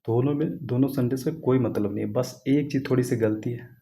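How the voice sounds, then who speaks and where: Guy teaching grammar, keeps asking if u follow, warm low-key voice. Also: brisk, creaky, a little hiss or hum. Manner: repetitive, asks students questions, writes on a board. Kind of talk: casual classroom explanation.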